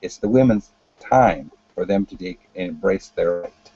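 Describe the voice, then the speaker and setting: A man giving an unscripted spiritual talk in a calm, earnest, deliberate way, repeating phrases as he goes. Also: low-pitched, muffled recording. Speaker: spiritual teacher.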